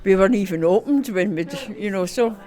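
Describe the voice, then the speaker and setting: A woman's voice: mid-range voice, brisk, mellow. A woman with a broad Scottish accent, chatting enthusiastically as an event organiser in a casual interview, often repeating words. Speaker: festival organiser being interviewed. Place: busy festival venue at a football ground.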